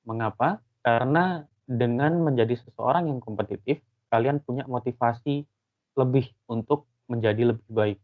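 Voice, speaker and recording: A man's voice: mid-range voice, moderate pace. A male university lecturer giving a casual online lesson, explaining at length with frequent fillers. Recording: tinny phone-like line.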